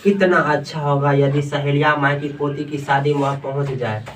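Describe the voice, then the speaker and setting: A man teaches a class, reading a story aloud and stopping to ask his students questions. His voice sits a little high. It is recorded from a distance in a classroom, so he sounds far from the mic. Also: fairly even intonation, normal speed, a little hiss or hum. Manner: reads aloud then quizzes students with questions.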